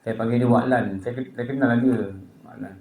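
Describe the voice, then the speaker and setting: A man's voice: mid-range voice, steady tone, brisk, a little mellow. A man with a Malaysian Malay accent giving a religious lecture in a surau prayer hall, telling anecdotes and rising to emphatic preaching. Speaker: religious teacher.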